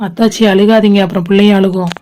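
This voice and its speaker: Calm consoling sister-in-law, as a woman puts her on. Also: medium pitch, quick pace, pitched below the performer's own voice, close to an everyday voice. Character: sympathetic younger sister-in-law, calm and comforting. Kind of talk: amateur audio drama.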